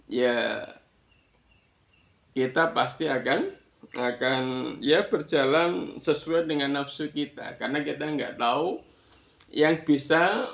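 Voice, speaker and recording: A man giving an explanatory religious lesson, deliberate, pausing between short phrases and repeating words for emphasis. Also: medium pitch, creaky, fairly bright tone. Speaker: Islamic religious teacher. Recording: echoey room.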